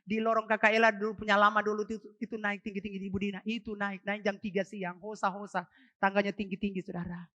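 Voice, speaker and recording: A woman's voice: mid-range voice, little pitch movement, fast talker, sharp tone, dry recording, muffled recording. A middle-aged woman pastor from Ambon, giving an emotional sermon testimony and calling out to her congregation during a church service. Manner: fervent, emotional, keeps addressing the congregation.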